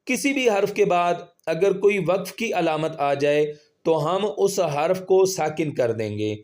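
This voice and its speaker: A man teaching Quran reading, spelling out syllables slowly and patiently and drawing out the vowels. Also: a little high, expressive, a little mellow. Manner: slow, patient, drawn-out syllables when spelling. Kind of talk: spelling-out recitation lesson.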